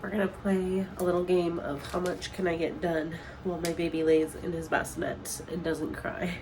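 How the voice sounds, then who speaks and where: A tired young woman, a new mother with a cold, talking candidly and softly in a casual home vlog. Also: lowish voice, level tone, normal speed, background noise. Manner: tired, candid, soft-spoken. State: stuffy from a cold. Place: home, indoors.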